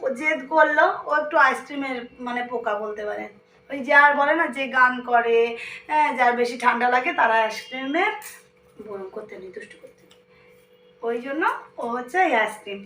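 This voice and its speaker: Her voice sits high and moves fairly quickly as this young Indian woman with a Bengali accent narrates a casual home vlog indoors. She addresses her viewers chattily, as friends, and occasionally hushes herself so her sleeping daughter stays asleep.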